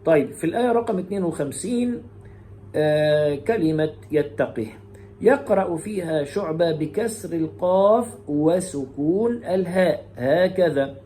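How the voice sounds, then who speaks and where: A man with a fairly high, mellow voice gives a lesson on variant Quran readings. He switches between quick explanations and slow, melodic chanting of the verses. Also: expressive, slight background noise. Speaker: Quran recitation teacher.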